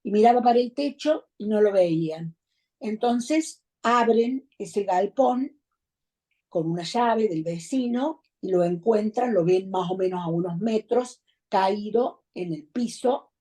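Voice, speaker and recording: A middle-aged woman from Argentina with an Argentine accent, recounting her personal story as a mother in a testimonial interview, in a measured, reflective way with many pauses. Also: medium pitch, warm tone. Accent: Argentine Spanish. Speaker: bereaved mother giving testimony.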